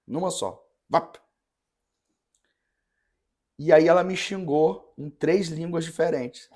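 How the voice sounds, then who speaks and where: A parish priest tells a story during a podcast conversation, speaking earnestly and haltingly with frequent restarts. His voice is fairly high and warm.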